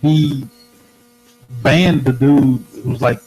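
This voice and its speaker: A man co-hosting a radio show, telling stories and news in a relaxed, slangy way. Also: medium pitch, takes it slowly, soft background music, rough recording. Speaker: radio co-host. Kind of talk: casual radio banter.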